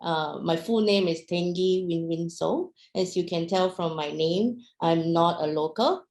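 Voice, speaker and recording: A woman's voice: fairly low pitch, measured pace, darkish tone, roomy sound, low-quality recording. Chatty woman. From Myanmar, raised in Singapore. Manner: chatty, asks the audience questions, many fillers. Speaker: speaker at an online business talk. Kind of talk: casual presentation to an online audience.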